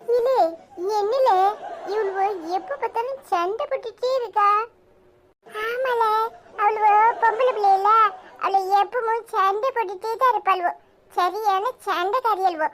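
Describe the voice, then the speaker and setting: A woman's voice: extremely high pitch, measured pace. A woman doing a cheeky little village boy with a Tirunelveli accent. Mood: gossiping. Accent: Tirunelveli Tamil. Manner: chatty, teasing. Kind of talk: cartoon voice acting.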